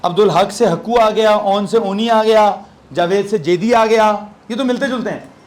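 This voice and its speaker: A man's voice: high voice, normal speed. A man with a Pakistani Urdu accent teaching physics in a classroom, conversational, quizzing his students with playful asides. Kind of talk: classroom lecture.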